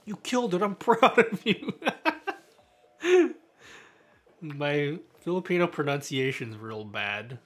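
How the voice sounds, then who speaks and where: A man's voice: on the high side, very animated, takes it slowly, long pauses, fairly bright tone. A man streaming live, chatting casually with viewers and answering their questions in a laid-back way, often laughing and trailing off mid-sentence.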